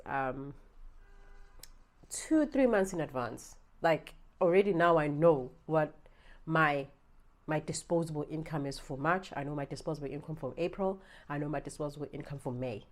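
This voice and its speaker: Young South African woman, South African accent, low voice, animated storytime vlogger who swears and flares up. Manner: animated, swears freely, swings from low asides to loud outbursts. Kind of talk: storytime vlog. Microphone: small handheld gimbal camera.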